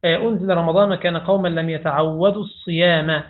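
Man, hadith reader, quick recitation, high voice, tinny phone-like recording. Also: steady tone. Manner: rapid reading, reciting narrator chains with small slips. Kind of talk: reading hadith text aloud.

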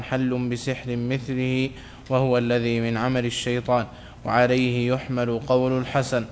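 A man reading a classical religious text aloud to his teacher in a measured, careful way. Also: medium pitch, slight background noise. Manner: flat, measured recitation.

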